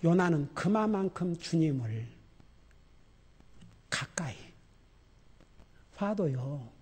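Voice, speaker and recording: Male pastor, sermon, husky voice, high-pitched, animated, laughs often, loud bursts then hushed points. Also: normal speed. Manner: animated, laughing, shifts between loud exclamations and quiet emphasis.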